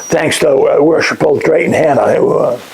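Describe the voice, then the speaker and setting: An older man, recalling lodge days in a casual interview, halting and restarting often. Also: on the high side, darkish tone, rough recording. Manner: halting, many restarts, chuckles at his own remarks. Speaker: interviewee, past lodge master. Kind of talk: casual oral-history interview.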